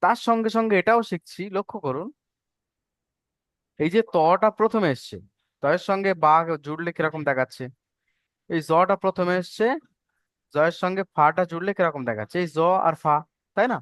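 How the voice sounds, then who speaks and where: A man teaches letter forms to an online class, slow and patient, often asking whether everyone follows. His voice sits high and rings clear. The recording is close and dry. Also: a bit bright, no echo. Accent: Bengali. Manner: patient, repeats and checks understanding. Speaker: Arabic script teacher.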